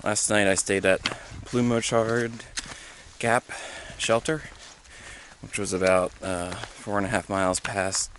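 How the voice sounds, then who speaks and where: A young man casually vlogging while hiking a mountain trail, talking in a halting, easygoing way with many fillers, sometimes out of breath. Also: on the low side, level tone, a bit bright. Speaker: thru-hiker vlogger. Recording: outdoor clip with clear background noise.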